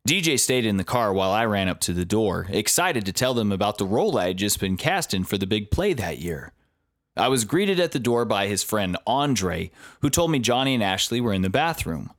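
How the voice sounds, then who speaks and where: A man's voice: on the low side, big pitch swings, brisk, no echo, clean studio sound. A man narrating his own memoir story in a reflective, confessional way.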